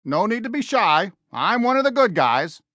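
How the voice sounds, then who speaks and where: Sheriff Woody, bright animated American cowboy. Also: male voice, high-pitched, moderate pace, no echo, studio quality, heavily acted. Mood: warm, cheerful. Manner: folksy cowboy drawl, eager and expressive. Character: friendly toy cowboy sheriff, folksy, cheerful, good-natured. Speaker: video game character greeting players. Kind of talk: animated game voice lines.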